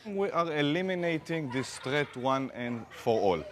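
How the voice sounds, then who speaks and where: A man, a restaurant owner from Israel, answering in halting with frequent uh fillers. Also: a little high, lively intonation, slight background noise.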